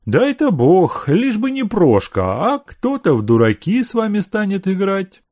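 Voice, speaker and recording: A man's voice: high voice, huge pitch swings, a little slow, darkish tone, voice pushed up, full character voice. A man voicing a timid middle-aged manservant who pleads in a plaintive, raised voice. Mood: pleading.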